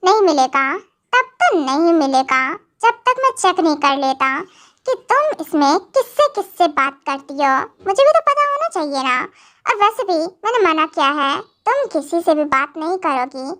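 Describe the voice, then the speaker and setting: Fan-drama role: a teasing, possessive young man , read by a woman, high lively voice. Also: a little slow, exaggerated voice. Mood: controlling. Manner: teasing, taunting. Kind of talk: fan audio drama acting.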